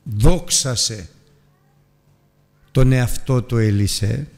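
A man's voice: mid-range voice, creaky, darkish tone. A man teaching a Bible lesson, retelling a scripture story earnestly and addressing his listeners as brothers. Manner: earnest storytelling with emphatic rises and drops.

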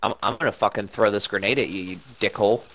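A man's voice: lowish voice, fast, fairly bright tone. Hyped gamer bro guy talking crude smack in game chat, bit of noise and clicking. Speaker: gamer playing in a squad voice chat. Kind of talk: casual gaming banter.

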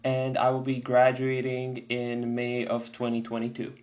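A man's voice: mid-range voice, completely flat delivery, unhurried, a little mellow. A young man from Bosnia and Herzegovina, a theater student, answering interview questions over a video call with many fillers. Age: young adult. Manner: thoughtful, with frequent fillers. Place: bedroom at home. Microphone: laptop webcam. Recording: slightly dull webcam audio.

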